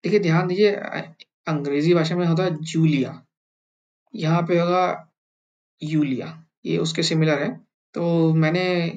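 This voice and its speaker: A man teaching a language lesson, patiently sounding out words one syllable at a time and repeating each one, with frequent fillers. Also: high-pitched. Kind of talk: slow screen-recorded tutorial.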